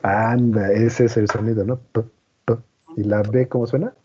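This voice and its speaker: A man's voice: fairly low pitch, steady tone, moderate pace, mellow. A man teaching a class, explaining patiently and often checking that students follow. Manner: patient, checks understanding with frequent "¿no?" and "¿vale?". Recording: muffled lo-fi recording.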